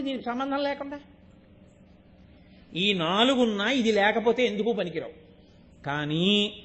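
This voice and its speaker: A man's voice: high-pitched, dull audio. A man giving a devotional sermon, telling stories animatedly and asking his listeners rhetorical questions. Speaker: religious discourse speaker.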